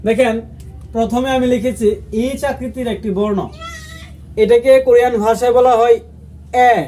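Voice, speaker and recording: A man from Bangladesh teaching a language lesson, slowly and patiently repeating each sound for his viewers. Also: extremely high pitch, level tone, warm tone, slight background noise. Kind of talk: lesson explaining how to say letters.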